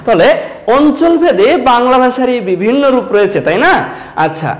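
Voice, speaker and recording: A man's voice: very high-pitched, big pitch swings, moderate pace. A man from Sylhet teaching an online class, asking students repeated questions and addressing them directly. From Sylhet, Bangladesh. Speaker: Bengali teacher.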